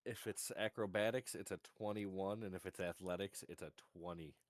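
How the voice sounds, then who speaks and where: Low voiced guy at a tabletop game, playful, dry sound. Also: fairly even intonation, normal speed, dry recording. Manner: playful, mischievous. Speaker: player. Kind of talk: tabletop role-play chat.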